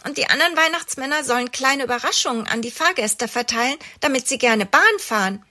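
Lady putting on a little lost boy, sniffly and high, squeaky. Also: a little fast, pushed and bright. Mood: proud. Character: small tearful boy lost at the station.

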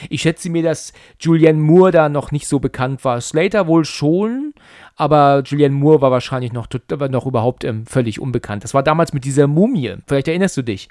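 Excited man retelling a horror story. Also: a little high, fairly quick, no room sound, studio quality. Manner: excited storyteller, many fillers and restarts. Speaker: podcast co-host. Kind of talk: casual chat.

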